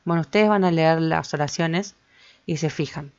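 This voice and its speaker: Casting: low-voiced woman teacher, patient, checks in often; gravelly edge. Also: moderate pace, darkish tone. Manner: patient, repeats points and checks with "¿sí?". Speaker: English teacher. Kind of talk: explaining grammar to students. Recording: slightly dull lo-fi recording.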